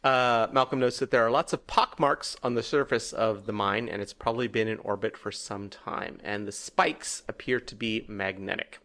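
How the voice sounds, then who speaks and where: A man's voice: lowish voice, moderate pace, few pauses, fairly bright tone. A man hosting a casual podcast, recapping an episode in a wry tone and laughing at his own jokes.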